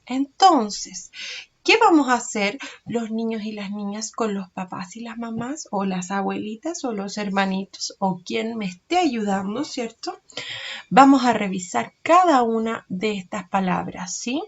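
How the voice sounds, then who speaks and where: A woman, teaching a recorded lesson to young children, slow and patient, stretching out words and checking in often. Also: fairly high pitch, expressive. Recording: dull lo-fi recording.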